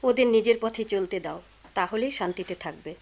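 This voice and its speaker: একজন অভিনেত্রী বাস্তববাদী, কড়া মধ্যবয়সী মায়ের চরিত্রে, নব্বইয়ের দশকের বেতার নাটকের ঢঙে।. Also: female voice, mid-range voice, normal speed, darkish tone, lightly acted. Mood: firm. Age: middle-aged. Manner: firm, reproachful. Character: practical middle-aged mother, sharp-tongued and tired. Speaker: mother of grown children. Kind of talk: 1990s radio drama acting.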